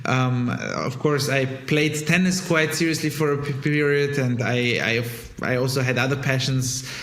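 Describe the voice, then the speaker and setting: A man's voice: medium pitch, steady tone, normal speed, a bit bright. A man who conducts orchestras and co-founded a startup, answering interview questions thoughtfully with frequent ums and restarts. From Bulgaria. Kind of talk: conversational interview. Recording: roomy echo.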